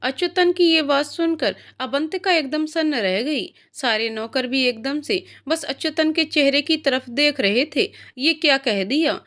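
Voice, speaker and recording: A woman narrating a moral story in a steady, clear reading. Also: high-pitched, unhurried, hardly any pauses.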